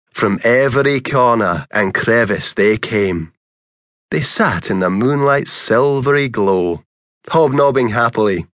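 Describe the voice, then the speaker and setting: Slow, sing-song male storybook narrator. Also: medium pitch, a bit bright, no echo, studio quality. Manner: rhythmic, sing-song rhyming reading. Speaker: audiobook narrator. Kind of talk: children's audiobook narration.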